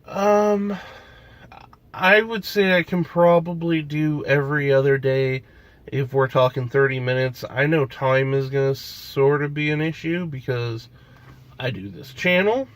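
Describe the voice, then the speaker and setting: A man's voice: medium pitch, a bit bright. Stuffy-nosed man vlogging casually. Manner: rambling, with many fillers and restarts. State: stuffy nose. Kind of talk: casual vlog chat.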